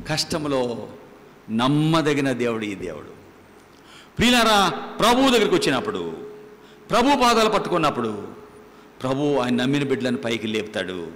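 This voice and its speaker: A man preaching a sermon as pastor, with impassioned delivery that swings from loud calls to quiet asides. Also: mid-range voice. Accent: Telugu. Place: church hall. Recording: long hall reverb.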